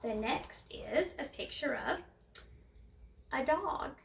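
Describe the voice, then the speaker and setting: A woman reads a children's fairytale aloud with a high, lively sing-song lilt and a slightly gravelly texture. She talks to young listeners directly between pages. The sound is roomy and caught from some way off the mic. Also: slow pace, a little hiss or hum. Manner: animated, sing-song storybook delivery; chatty, addresses children directly. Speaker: storyteller. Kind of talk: reading a picture book aloud. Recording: roomy echo, a distance from the mic.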